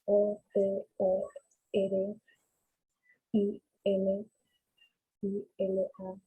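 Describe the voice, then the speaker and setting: A woman's voice: mid-range voice, completely flat delivery, drawn-out words, husky, narrow, tinny audio. A woman in a spelling contest, hesitantly spelling words out one letter at a time.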